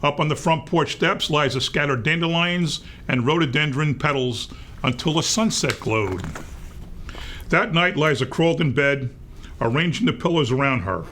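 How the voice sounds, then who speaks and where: A man reading a picture book aloud to young children in an expressive read-aloud manner. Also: a little high, moderate pace, a little hiss or hum. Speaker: storybook reader.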